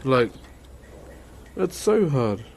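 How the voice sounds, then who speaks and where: This man's mid-range voice is sing-song and very slow, with a darkish tone and a bit of hiss or hum underneath. Broad Kiwi accent, relaxed and colloquial, he answers stream viewers like mates, sprinkling in "bro" and "eh".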